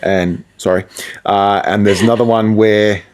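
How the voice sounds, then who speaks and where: A man who works as a musician, DJ and radio presenter drops by as a guest to talk casually about making music, poking fun at himself in an easygoing, colloquial manner. His voice runs a little low, with a steady tone, and it's unhurried and slightly mellow.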